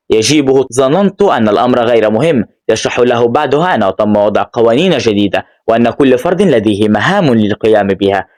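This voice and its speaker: A man narrating an anime plot recap in a brisk, scripted storytelling read, voicing the characters' quoted lines in his own voice. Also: mid-range voice, darkish tone.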